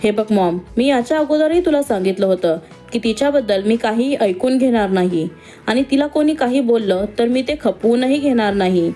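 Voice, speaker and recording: A bold young woman fresh out of medical school, quick to defend her friend and fond of teasing, as a woman reading the story plays her. The voice is on the high side, with light music faintly underneath. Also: expressive, warm tone, natural voice. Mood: lively. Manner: outspoken, teasing. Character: spirited young woman, newly qualified doctor.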